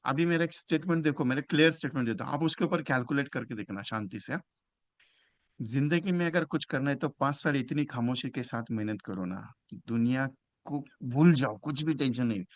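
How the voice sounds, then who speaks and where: A man giving a motivational sales training talk. He is emphatic, jumps from loud bursts to quiet asides, and acts out phone calls with clients. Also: mid-range voice, fairly quick, no echo.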